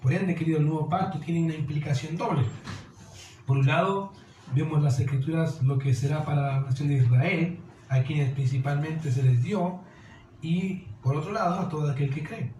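Male pastor, earnest sermon delivery, higher mellow voice, echoey church sound. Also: normal speed, a little hiss or hum. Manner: earnest preaching, addressing listeners as "querido".

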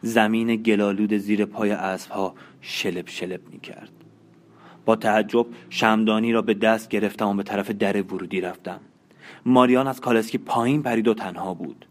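A man narrating a novel in the first person, in a measured, dramatic storytelling manner. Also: on the low side, fairly even intonation. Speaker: audiobook narrator.

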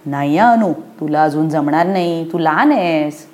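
A calm, patient mother from a children's story, gently soothing and lightly teasing her little girl, as a woman reads her. Her voice is low and even. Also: a little slow.

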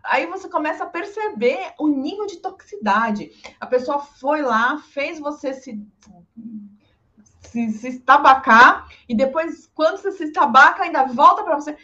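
A woman's voice: high voice, normal speed. A woman in a casual advice chat, speaking animatedly and often acting out what other people say. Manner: animated, often acts out quoted speech. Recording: dull lo-fi recording.

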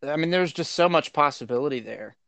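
A man hosting a podcast in a relaxed, chatty way. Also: on the high side, fairly quick, gravelly, no room sound. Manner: relaxed, chatty, laughs easily. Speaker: podcast host. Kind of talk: casual chat.

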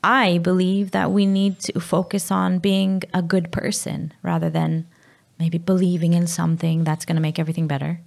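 A woman speaks as an interview guest, candid and unguarded. Her voice is deep for a woman and full of gravelly fry. She pauses and restarts often as she talks. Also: level tone, a little mellow. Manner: open and frank, with frequent fillers and restarts. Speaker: guest, mother of a sick child.

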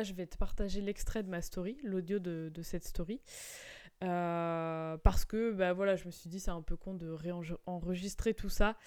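A woman's voice: medium pitch, a little mellow, smooth. A young woman hosting her own podcast as a business coach, talking casually with many fillers and restarts. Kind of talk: casual solo podcast talk.

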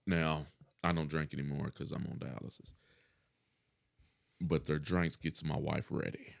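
Very deep gravelly man, laid-back. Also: dry recording, clean studio sound. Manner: laid-back, profane, laughs often. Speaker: podcast guest. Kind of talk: casual podcast chat.

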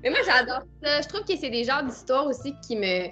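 A woman with a Québécois accent, a novelist talking in a casual podcast chat, lively and full of restarts. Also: high-pitched, a little fast, over music. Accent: Québécois French. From Quebec. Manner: animated, many restarts and fillers. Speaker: guest novelist.

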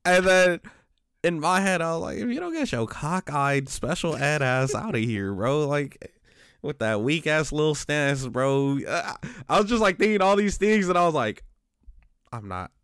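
A special education teacher and podcast co-host chats casually, telling slangy, laid-back stories about his job and restarting frequently. He sounds a little high, animated and a bit bright at normal speed, with a clean tone and clean studio sound free of room noise.

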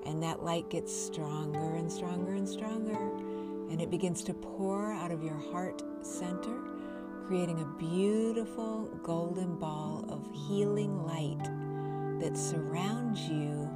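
A woman leading a guided meditation in a soft, soothing, unhurried spa-like voice, repeating words as she goes. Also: lowish voice. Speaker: host of a healing show and guided-journey leader. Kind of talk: slow guided meditation narration. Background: music behind the voice.

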